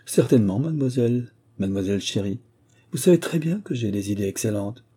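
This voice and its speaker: A man voicing a quick-witted, mischievous young princess who teases her family playfully. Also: medium pitch, lively intonation, warm tone, husky. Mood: teasing. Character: teasing, chattering young princess girl.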